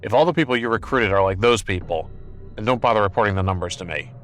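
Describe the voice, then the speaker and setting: A man's voice: lowish voice, fast talker, fairly bright tone, faint music behind, lightly acted. A man voicing a cold, ruthless young man in a storybook reading, blunt and dismissive.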